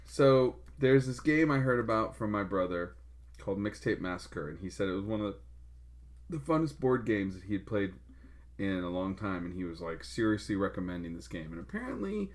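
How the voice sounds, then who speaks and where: A man's voice: lowish voice, very animated, brisk. A man co-hosting a podcast in casual chat, rambling with fillers and laughing often. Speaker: podcast co-host.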